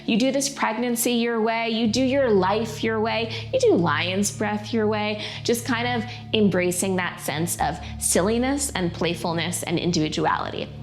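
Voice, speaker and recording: A woman's voice: mid-range voice, moderate pace, hardly any pauses, faint music behind. A woman teaching prenatal yoga in an informal, encouraging and playful way, guiding listeners through breathing practice. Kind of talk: casual guided yoga instruction.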